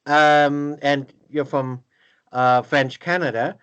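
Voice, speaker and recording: A man hosting an interview, speaking in a halting way with many restarts and repeated words. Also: a little high, fairly even intonation, fairly bright tone, clean tone, dull audio. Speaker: interview host. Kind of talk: casual interview chat.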